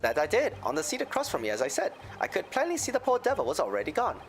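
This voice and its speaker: Lilting, animated Irish moneylender. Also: male voice, high voice, fast, faint music behind, pitched above the performer's own voice, exaggerated voice. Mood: deferential, folksy. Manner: lilting, folksy, theatrical. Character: folksy, smooth-talking Irish moneylender, genial male witness. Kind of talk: voiced reading of game dialogue.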